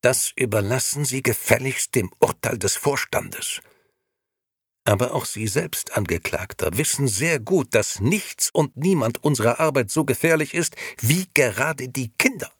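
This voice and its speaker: Man doing a sharp, cold judge of grey time-thieves. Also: mid-range voice, expressive, measured pace, breathy edge, no echo, clean studio sound, full character voice. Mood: stern. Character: stern presiding judge of the grey gentlemen, male.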